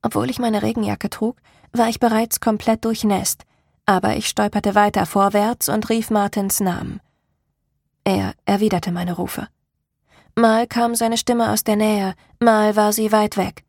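Female audiobook narrator, steady first-person storytelling, dry close sound, raspy edge. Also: mid-range voice, a little slow, no echo.

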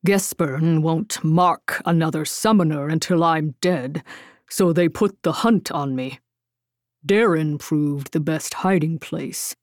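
A woman voicing a weary giant man in an audiobook, speaking slowly and gruffly. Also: low voice, no room sound, clean studio sound.

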